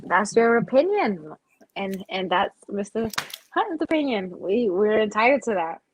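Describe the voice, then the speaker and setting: A woman's voice: medium pitch, very animated, moderate pace, background noise. A woman, pushing back hard in a casual sports debate and laughing often. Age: 40s. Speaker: co-host.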